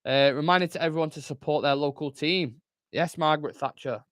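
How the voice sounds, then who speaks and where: A man's voice: a little high, brisk, a bit bright, no room sound. Brief: young man, fan-channel host, loose sweary live chat, dry close-mic sound. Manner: casual, chatty, swears freely, reads chat aloud. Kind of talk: live football watchalong chat.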